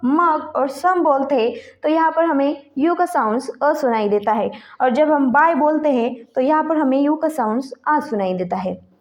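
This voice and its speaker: Woman, high voice, patient teacher walking through example words. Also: highs cut off. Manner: slow, deliberate listing of example words. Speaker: English teacher. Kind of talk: spoken English lesson.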